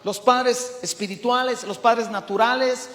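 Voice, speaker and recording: A middle-aged Mexican man preaching a sermon as pastor, emphatic, swinging from loud to hushed. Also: extremely high pitch, steady tone, unhurried. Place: church hall. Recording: echoey church hall.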